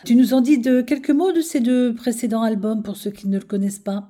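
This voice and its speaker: A woman hosts a radio interview. Her voice is mellow and warm-toned. She asks her questions in a friendly, familiar way. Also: a little high, steady tone, a little fast. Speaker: radio host.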